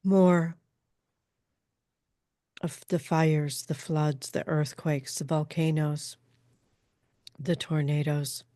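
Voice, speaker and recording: Woman as calm channeled spirit, seance medium trance, very slow halting delivery, formal, even-toned, dry close sound. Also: sits low, no echo. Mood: solemn, measured. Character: calm, solemn female channeled spirit named Alma.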